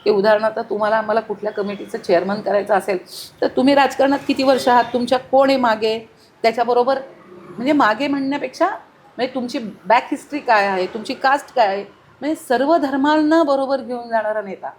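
A woman's voice: fairly high pitch, fast talker, a little hiss or hum. A middle-aged woman, a former mayor, giving earnest, emphatic interview answers full of long lists of detail.

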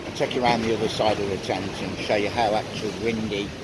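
Older man, loud wind on mic. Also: lowish voice, little pitch movement, fast talker. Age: older, around 50s to 60s. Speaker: angler vlogger. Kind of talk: casual outdoor fishing vlog. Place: outdoors on a windy seaside pier. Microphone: handheld or tripod-mounted phone. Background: wind and sea noise.

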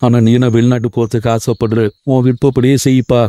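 A man voicing an ailing elderly farmer father in a cartoon, soft-spoken and pleading. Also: mid-range voice, flat delivery, a little fast, no room sound, close to an everyday voice. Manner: pleading and resigned.

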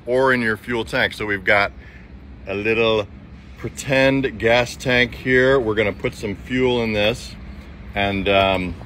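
A man's voice: mid-range voice, pushed and bright, a little hiss or hum. A man in his forties hosts a casual selfie video outdoors, chatting through a hands-on demonstration and often restarting his sentences. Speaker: sawmill company video host. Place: outdoors beside a metal building in hot sun. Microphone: phone camera at arm's length.

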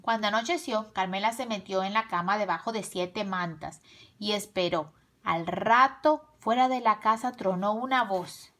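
A woman slowly and expressively reading a children's folk tale aloud. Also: mid-range voice. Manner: slow, expressive storytelling. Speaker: storyteller.

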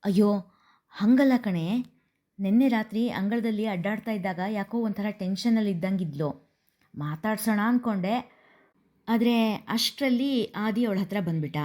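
A woman's voice: medium pitch, normal speed, pauses often, dark tone, natural voice. A woman voicing an anxious middle-aged mother who frets and complains like a young girl. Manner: worried, complaining.

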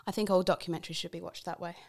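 A woman's voice: fairly low pitch, steady tone, very fast, vocal fry, darkish tone. A woman co-hosting a podcast, trading jokes in casual chat and often breaking into giggles. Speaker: podcast co-host. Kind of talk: casual joke-telling chat. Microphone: studio microphone.

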